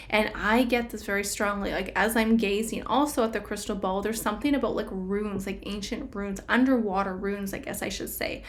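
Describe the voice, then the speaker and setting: A woman talks her way through a crystal ball and tarot reading, musing aloud and circling back to fix her words. Her pitch sits in an ordinary middle range. Her delivery stays casual and searching. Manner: rambling, self-correcting, intuitive musing. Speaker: tarot reader. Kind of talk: casual spiritual prediction reading.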